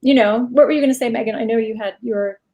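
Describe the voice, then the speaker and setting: This woman talks fast in a fairly high, mellow voice. She's a guest short story writer and writing teacher in a casual interview, candid and anecdotal, acting out quotes as she goes.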